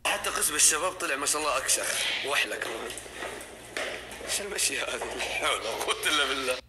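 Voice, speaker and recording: A man's voice: mid-range voice, lively intonation, rapid-fire, very noisy. A man vlogging a restaurant visit, teasing and joking with a friend. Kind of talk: casual vlog chat.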